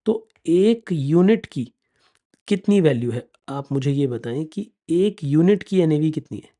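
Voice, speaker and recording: A man's voice: a little high, mellow. A man in his thirties giving a classroom lecture on finance, explaining step by step, checking often that students follow and calling them affectionately. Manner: calls students affectionately "beta" and "bachchon". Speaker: finance exam teacher.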